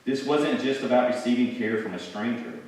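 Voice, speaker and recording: A man's voice: medium pitch, a little fast, darkish tone. A man earnestly retelling a Bible story in the first person, in character, as a church speaker. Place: church sanctuary. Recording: very echoey room, from far off.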